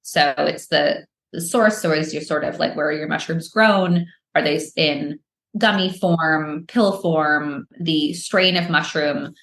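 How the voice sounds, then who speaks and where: A woman from the United States with a low, somewhat bright voice speaks unhurriedly as a podcast guest. She's a microdosing entrepreneur giving casual interview answers full of fillers and restarts, recorded with a roomy echo.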